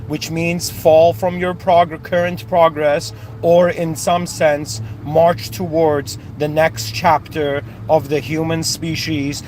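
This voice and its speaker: Born in Iran and raised in Canada, a spiritual speaker delivers an impassioned, searching monologue full of restarts and rising outbursts. His voice is fairly high, with a slight hiss or hum.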